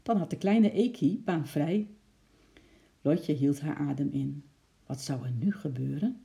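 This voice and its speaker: A children's storyteller with a dark, mellow voice at a middle pitch. The reading is lively, with playful sound effects for the animals. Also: unhurried, creaky. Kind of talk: children's story read aloud.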